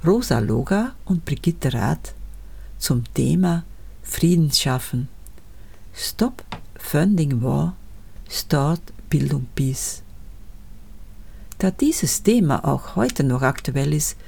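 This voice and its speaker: A woman reads an introduction slowly and in a measured way. Her voice is very low, dark and husky. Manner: slow and measured. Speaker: presenter introducing a recorded talk. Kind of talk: read introduction.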